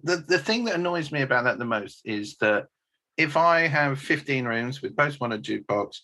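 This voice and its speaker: A man's voice: mid-range voice, lively intonation, normal speed, pushed and bright. A man co-hosting a podcast, chatting casually and swearing with a laugh. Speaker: podcast co-host, tour manager. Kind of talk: casual chat.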